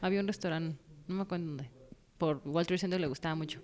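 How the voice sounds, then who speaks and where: A woman's voice: deep voice, quick pace, a little mellow. A woman, co-hosting a casual chat in a chatty, easily amused way. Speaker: podcast co-host. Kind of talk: casual chat recapping a sitcom episode.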